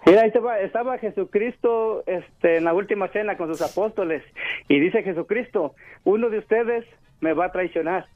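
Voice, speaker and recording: A man calling into a radio show to tell a joke, relaxed and chuckling as he talks. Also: high-pitched, normal speed, dry recording. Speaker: caller. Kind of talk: telling a joke on the phone. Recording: dull dry phone line.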